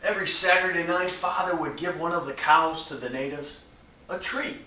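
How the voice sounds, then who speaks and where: An actor playing a brooding, haunted grown man in a dramatic monologue, measured and hushed at times, urgent at others. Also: a little high, slight background noise. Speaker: stage actor. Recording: roomy echo from mic distance.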